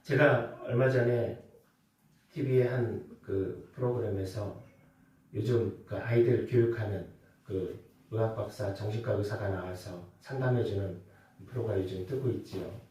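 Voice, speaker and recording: A man preaching a Sunday sermon as pastor, building to loud rhetorical questions and dropping back to quiet explanation. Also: lowish voice, fairly even intonation, a little slow. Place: church sanctuary. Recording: very echoey church hall, mic at a distance.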